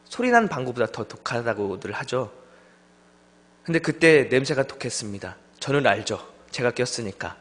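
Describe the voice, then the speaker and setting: A young man preaching a sermon as a junior pastor, telling stories with lively delivery and acting out the voices of friends. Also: mid-range voice, normal speed. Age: young adult. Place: church sanctuary. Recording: long church hall reverb.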